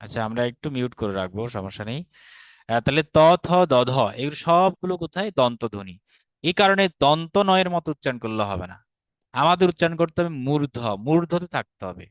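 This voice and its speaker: A man's voice: fairly high pitch, very animated, fairly quick, a bit bright. A man with a Bangladeshi Bengali accent teaching an online language class. He explains patiently, repeats sounds for students to echo, and mixes in English words. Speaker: Sanskrit teacher.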